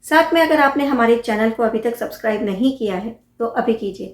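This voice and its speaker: A woman teaching English pronunciation, spelling out words letter by letter and repeating each one slowly. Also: a little high, animated, roomy sound. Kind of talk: pronunciation lesson.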